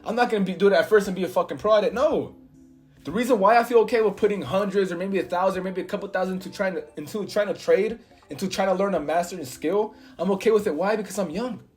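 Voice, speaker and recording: A man's voice: sits high, fast. A man in his twenties giving a casual, blunt motivational talk, swearing often, with music behind. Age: 20s. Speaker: vlogger. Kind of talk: motivational monologue.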